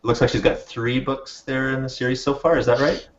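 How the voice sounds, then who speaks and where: A man's voice: medium pitch, fairly even intonation, a little fast, dull audio, slight background noise. A man co-hosting a casual podcast chat, making joking asides and stuttering on his starts. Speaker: podcast co-host.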